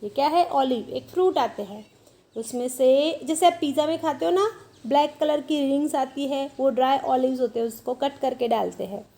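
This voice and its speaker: A woman's voice: high-pitched, moderate pace, creaky, warm tone. A woman teaching children cursive writing, patiently drilling letters and words in a mix of Hindi and English.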